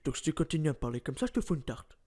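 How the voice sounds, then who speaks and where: A gruff, low-growling tough guy. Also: very animated, very fast, a little mellow. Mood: threatening. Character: menacing low-voiced tough guy threatening someone.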